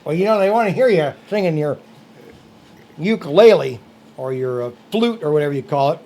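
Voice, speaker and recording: A man's voice: on the high side, lively intonation, brisk, darkish tone. A man hosting a casual podcast, rambling and heated, with many restarts and filler words. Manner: heated, raising his voice on his points. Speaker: podcast host. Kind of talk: casual talk-show rant.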